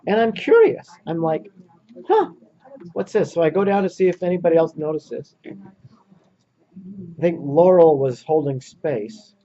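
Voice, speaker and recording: A man leading a workshop, telling a story to a small audience in an earnest, animated way. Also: fairly high pitch, unhurried. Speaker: workshop leader. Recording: muffled lo-fi recording.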